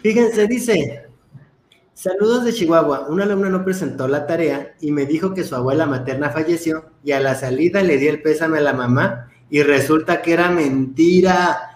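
A man's voice: fairly high pitch, moderate pace, a little hiss or hum. Playful storytelling Mexican man, roomy sound. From northern Mexico. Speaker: host. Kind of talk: casual chat.

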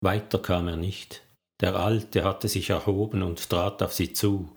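A man narrating a crime novel in a steady, measured storytelling manner. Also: deep voice. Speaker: audiobook narrator.

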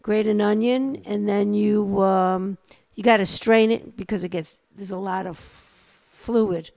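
A woman's voice: medium pitch, fairly even intonation, a little slow, vocal fry, darkish tone, no echo. An older woman with a New York accent co-hosts a community radio show, chatting casually and laughing easily. Her voice is dry and close, with no room around it. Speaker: co-host.

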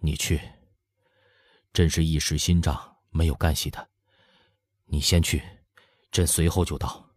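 A cold, commanding emperor speaks slowly in a deep, quiet voice, as a man acts him out. The storybook reading sounds close and dry. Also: lively intonation, no echo. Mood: weary. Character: stern, cold middle-aged male emperor.

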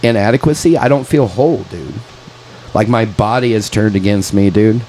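A man in his late thirties talks on a casual podcast, his voice sitting low. He swears freely and drops dude into every sentence. A faint background hum runs under the recording. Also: moderate pace, dark tone, rough recording. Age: 30s. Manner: profane, calls everyone dude, venting frustration. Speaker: podcast co-host. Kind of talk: casual chat.

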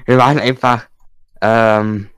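A young man co-hosting a casual podcast over an online call, making deadpan jokes. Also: mid-range voice, takes it slowly, clear, resonant tone, no room sound, clean studio sound. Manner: deadpan joking. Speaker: podcast co-host.

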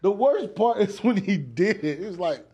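A man's voice: high voice, big pitch swings, moderate pace, dark tone, slightly rough. A man co-hosting a sports talk show, joking and slangy in casual banter. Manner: joking, laughs often, slangy. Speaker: sports podcast co-host.

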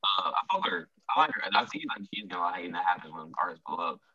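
A man co-hosting a podcast in casual chat, loose and animated, often trailing off and restarting. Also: deep voice, quick pace, breathy edge, no echo, recorded from a distance. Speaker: podcast co-host. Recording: muffled, off-mic.

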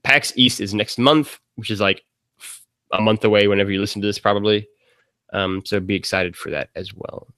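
Bright-voiced rambling man on a podcast. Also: on the low side, fairly even intonation, brisk, clear, resonant tone, no room sound. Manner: rambling, laughs often, many fillers. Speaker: podcast guest. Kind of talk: casual podcast chat.

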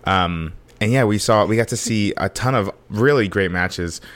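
A man with a hoarse voice, co-hosting a casual podcast chat, enthusiastic and full of fillers, speaking low to spare his throat. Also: normal speed, fairly bright tone. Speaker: podcast co-host.

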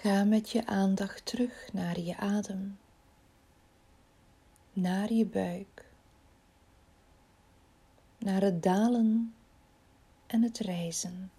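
A woman leading a guided body-scan relaxation in a slow, soothing, soft voice that often drops near a whisper. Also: mid-range voice, fairly even intonation, breathy edge.

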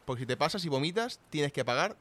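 Fast-talking fussy man. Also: a little high, expressive, fairly bright tone. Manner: fussy, nagging about costs. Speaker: sketch comedy performer. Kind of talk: comedy radio sketch.

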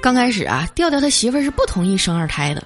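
A woman's voice: mid-range voice, sing-song, fast, faint music behind. A woman streamer telling comic stories in a chatty way, drawing out her sentence particles. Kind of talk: comic storytelling.

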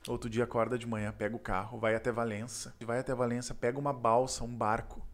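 A man from southern Brazil with a Gaúcho accent, telling a story in casual chat, animated and slangy, acting out the voices of the people in it. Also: medium pitch, fast talker. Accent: Gaúcho Brazilian Portuguese. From Rio Grande do Sul, Brazil.

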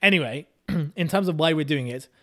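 A man's voice: fairly high pitch, brisk, pushed and bright. A man, co-hosting a casual podcast chat in a wry, joking way. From Hungary. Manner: wry, joking, self-deprecating. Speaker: podcast co-host.

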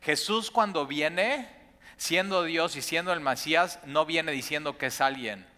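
A man preaches in a bright, forceful voice. He slips into his listeners' inner voices as he speaks. The sound rings with a long reverb from the church hall around him. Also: on the high side, measured pace. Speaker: pastor. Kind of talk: sermon.

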